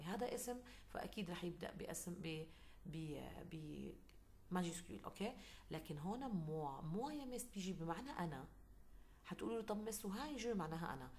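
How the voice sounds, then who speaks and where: Low-voiced woman teaching French patiently. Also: a little mellow, a little hiss or hum. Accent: Levantine Arabic. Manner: patient, repeats phrases slowly, checks with "okay?". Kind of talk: online lesson explaining French in Arabic.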